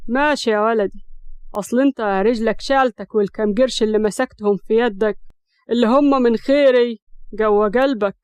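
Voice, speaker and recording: A woman's voice: a little high, fairly quick, darkish tone, clean tone, dry recording, close to an everyday voice. A woman with an Egyptian accent voicing an arrogant older mafia boss uncle who speaks coldly and haughtily with threats. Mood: cold, haughty.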